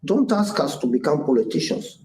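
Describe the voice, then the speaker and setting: Speaking with a Bulgarian accent, this man from Bulgaria in his sixties answers interview questions as a guest entrepreneur, earnest and thoughtful but full of "uh" fillers and restarts. His voice runs a little high and slightly mellow, brisk in pace with big swings in pitch. An echoey room carries faint noise around him.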